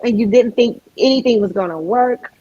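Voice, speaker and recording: A woman's voice: fairly high pitch, normal speed, mellow, no echo, lo-fi sound. A middle-aged woman, a singer and guest on a podcast, talking in an emotional, heartfelt way, laughing often and restarting her sentences. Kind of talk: casual podcast conversation.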